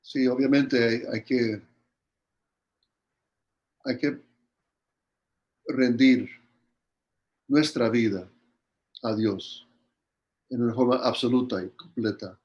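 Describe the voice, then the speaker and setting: A man's voice: mid-range voice, steady tone, slow pace, pauses often, darkish tone, lo-fi sound. Earnest older man preaching. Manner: earnest, with repeated words and restarts. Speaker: guest pastor answering questions. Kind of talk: sermon-style answers in an online church conference.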